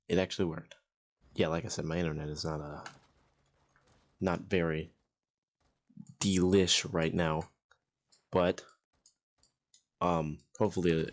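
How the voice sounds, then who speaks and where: A man's voice: low-pitched, darkish tone. A man hosting a gameplay video, rambling casually with many fillers and restarts as he comments on the game.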